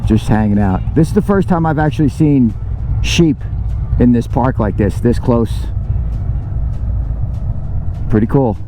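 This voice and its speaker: A man's voice: medium pitch, lively intonation, a little slow, long pauses, over music. A man talking informally to viewers in a casual motorcycle travel vlog, recorded outdoors on an action camera microphone. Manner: informal, chatty, addressing viewers. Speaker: motorcycle vlogger.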